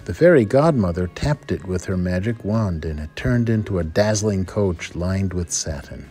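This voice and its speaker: A male first-grade teacher reading a fairy tale aloud to children, in a dramatic, expressive storytelling manner. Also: deep voice, normal speed, faint music behind.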